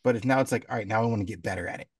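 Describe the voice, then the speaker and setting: A man's voice: on the low side, racing, slightly rough, no room sound. Thirty-something man, set back from the mic. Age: 30s. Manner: energetic, repeats himself for emphasis. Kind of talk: casual chat. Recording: dry, a bit far from the mic.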